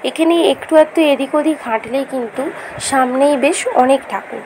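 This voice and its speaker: A woman talks her viewers through a casual vlog, chatty and eager. Her voice sits high but sounds hoarse from a recent fever. A faint hiss of noise runs behind her. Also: fairly quick. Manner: chatty, enthusiastic, addresses viewers directly. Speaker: vlogger.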